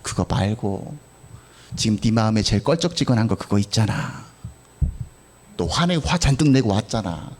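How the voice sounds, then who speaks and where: A male pastor voicing God as a calm divine figure who quietly corrects a praying man. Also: moderate pace, pauses often. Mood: gently firm. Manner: low, quiet, firm rebuke.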